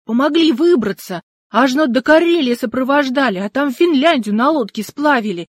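A woman's voice: high-pitched, animated, normal speed, dry recording, studio quality, pitched above the performer's own voice. A woman doing a folksy old village storyteller. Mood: folksy storytelling. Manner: folksy, emphatic, rustic speech.

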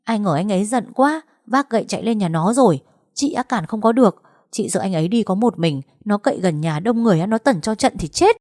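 A woman voicing a panicked young wife who pleads for help in a hurried voice. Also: mid-range voice, animated, darkish tone, dry recording, clean studio sound, voice pushed up, natural voice.

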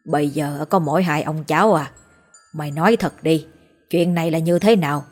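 Lady voicing a grumpy old village sorcerer, gruff and low, talks down to the kid, ghost story read-aloud. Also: normal speed, darkish tone, soft background music. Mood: stern. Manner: gruff, lecturing, uses rough familiar address. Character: stern older male village sorcerer.

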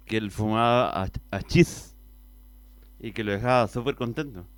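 Man, halting radio chatter, smooth tone, dry sound. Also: fairly low pitch, no room sound. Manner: hesitant, halting. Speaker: radio show participant. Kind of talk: casual chat.

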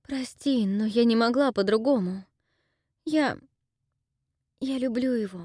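A woman voicing a timid, tearful young widow who once acted on stage, speaking softly and pleadingly. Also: a little high, measured pace, no echo, clean studio sound, voice pushed up. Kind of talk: audiobook character voice.

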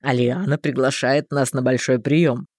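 A woman reading an audiobook voices a cheerful, brash male mage who talks in a loud, chummy way. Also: a bass voice, fairly even intonation, moderate pace, no room sound, voice pushed down. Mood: hearty. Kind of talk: audiobook character voice.

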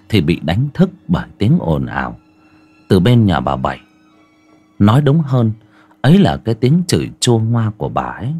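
A man hosting a channel and narrating a scripted horror story in a measured storytelling manner. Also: on the low side, mellow, slightly rough.

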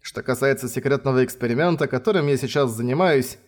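A man voicing a scheming, cheerful young male spy, calm and amused, in an audiobook reading. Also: mid-range voice, fast talker, close to an everyday voice. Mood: reassuring.

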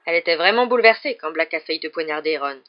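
A reader voicing a huge, kind male gamekeeper who speaks earnestly and loudly. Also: mid-range voice, expressive, racing, highs cut off, natural voice. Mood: grave.

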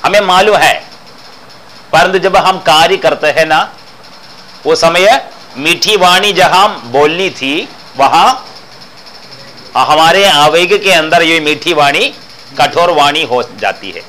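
Male philosophy teacher, high bright voice, explains by repeating phrases and posing questions. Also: expressive, slow, pauses often, a little hiss or hum, poor audio. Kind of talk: explanatory discourse lecture.

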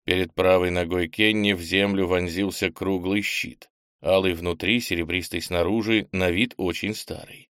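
Deep-voiced male audiobook narrator. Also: steady tone, normal speed, fairly bright tone, clear, resonant tone, dry recording, clean studio sound. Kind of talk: scripted narration.

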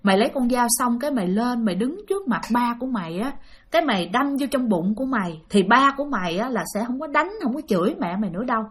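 A woman doing a soft whispering spirit man. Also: lively intonation, fast talker, husky. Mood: coaxing. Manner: low, soft and insistent. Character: menacing whispering male spirit voice.

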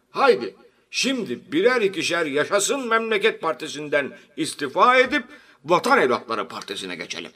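A man's voice: on the high side, a bit bright, recorded from a distance, pitched above the performer's own voice, full character voice. A man voicing a male party chairman who addresses his members in raised, declamatory speech.

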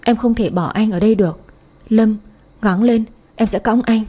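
A woman reading the part of a tearful young woman in an audiobook story, pleading and stubborn, with a soft breathy voice. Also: fairly high pitch, moderate pace.

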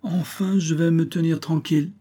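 Brisk amateur detective, read by a man, husky and chatty. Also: medium pitch, warm tone, natural voice. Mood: lively. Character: brisk male amateur sleuth, cheerful and cocky.

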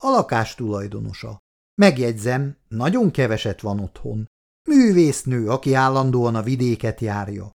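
A man reading aloud and voicing a raspy, glib male housing racketeer with a breezy, evasive manner. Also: mid-range voice, sing-song, darkish tone. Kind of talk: storybook reading.

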